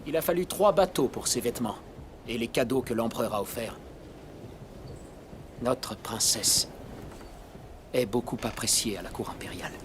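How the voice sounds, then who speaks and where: This dubbed film clip features a male voice actor as a solemn, formal Chinese admiral bound by duty to guard a princess, with music playing behind. He speaks fast at a medium pitch, with lively intonation and a natural voice, measured and earnest despite the background noise.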